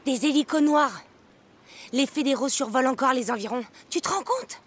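An actress playing a chatty, excitable camp bounty clerk in a video game, with a slangy, gossipy delivery. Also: female voice, high voice, moderate pace, slight background noise, close to an everyday voice. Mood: excited gossip.

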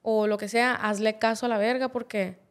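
A young Mexican woman in her twenties with a somewhat high voice, talking as a podcast guest. She tells her story candidly and bluntly, peppering every sentence with slang and curse words. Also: fairly even intonation, moderate pace. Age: 20s. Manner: blunt, swears constantly, slangy.

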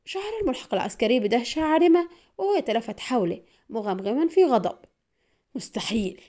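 A woman narrating an audiobook spy thriller in a brisk, dramatic storytelling manner. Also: on the high side, very animated, warm tone.

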